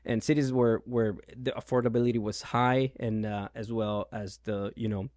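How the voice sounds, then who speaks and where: Low-voiced Venezuelan man, hesitant. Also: fairly even intonation, normal speed, darkish tone, dry recording, clean studio sound. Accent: Venezuelan Spanish. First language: Spanish. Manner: hesitant, many ums and restarts. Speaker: realtor, guest. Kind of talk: casual interview.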